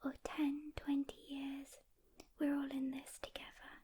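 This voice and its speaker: A soft-spoken woman whispers right by the mic, her voice sitting high. In this ASMR roleplay she's a calm, caring demon hunter, pausing as she gently reassures a rookie.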